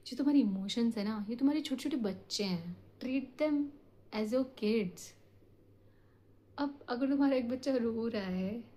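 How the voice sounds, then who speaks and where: A woman's voice: on the high side, mellow. A woman giving a heartfelt motivational talk, mixing Hindi and English, coaxing and intimate, often dropping to a whisper. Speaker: motivational speaker.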